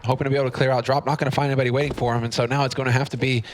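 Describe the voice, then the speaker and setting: A man working as an esports caster, calling the play in an excited, rapid-fire commentary. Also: mid-range voice, slight background noise.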